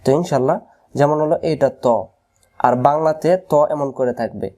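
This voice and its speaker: A man teaching Quran reading, slowly repeating letter sounds for learners to follow. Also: fairly high pitch, warm tone. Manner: slow, repetitive drilling of letter sounds; chants a short verse in a drawn-out sung tone. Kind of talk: slow recitation lesson.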